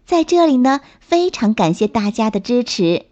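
A woman hosting a children's bedtime story show, reading in a gentle, sing-song storytelling manner. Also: fairly high pitch, sing-song, moderate pace. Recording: slightly dull lo-fi recording.

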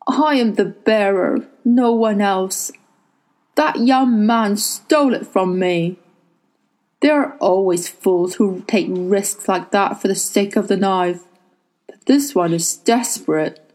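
A woman voicing a battered, bitter old man who mutters slowly through broken teeth in a storybook reading. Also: medium pitch, a little mellow, close to an everyday voice. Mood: fearful.

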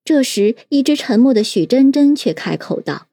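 A woman's voice: sits high, animated, moderate pace, mellow, no echo, clean studio sound. A woman narrating a serialized detective novel, moving between plain narration and teasing character voices. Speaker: audiobook narrator.

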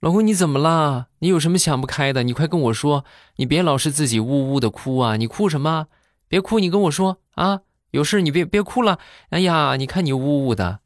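A frantic young wife begs and coaxes in a raised, lively voice, as a man puts her on. The pitch leaps well above his own low register and swings about widely. The sound is dry and close. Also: brisk, no echo, natural voice. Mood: anxious pleading. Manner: pleading, repeating herself. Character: frantic worried young wife knocking at door.

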